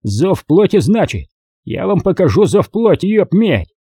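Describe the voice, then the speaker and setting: A man voicing a gruff, exhausted, short-tempered male army commander who barks and swears, with a husky, dark voice. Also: mid-range voice, very animated, normal speed, no room sound. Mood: yelling. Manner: barking, swearing, irritable.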